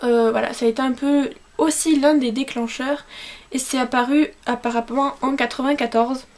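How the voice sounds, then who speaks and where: A young woman with a high voice presents books in a casual vlog. She talks informally and emphatically, as if chatting with her viewers, often rephrasing as she goes. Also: steady tone, moderate pace, darkish tone. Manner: informal, self-correcting, emphatic with repeated intensifiers. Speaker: book vlogger.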